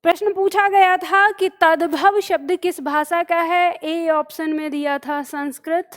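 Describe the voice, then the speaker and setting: A woman's voice: very high-pitched, fairly even intonation, a little slow, a bit bright. A woman teaching grammar for exam preparation. She calls her students "बालक", works through examples and keeps checking that they follow. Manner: addresses students as "बालक", asks questions and checks understanding; explains with worked examples, repeating key phrases. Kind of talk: exam-prep grammar lesson.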